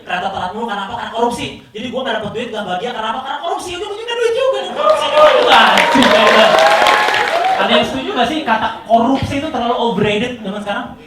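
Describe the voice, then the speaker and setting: Stand-up comic, male, high voice, foul-mouthed rants, miked far off in a booming hall. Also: sing-song, very fast, crowd noise. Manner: crude, ranting, mixes English phrases. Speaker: stand-up comedian. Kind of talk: stand-up comedy set. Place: live event hall with audience. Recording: very echoey hall, distant mic, audience.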